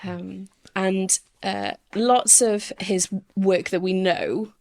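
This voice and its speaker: A woman's voice: medium pitch, steady tone, extremely slow, a little mellow. A woman, chatting as a podcast guest in a hesitant, thoughtful way. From Swansea, Wales. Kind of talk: casual interview chat.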